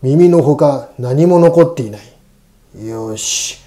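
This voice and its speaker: A man voicing a gruff, menacing samurai ghost with a booming voice and rough, commanding archaic speech, in a ghost story reading. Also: slow, warm tone, close to an everyday voice. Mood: grim resolve.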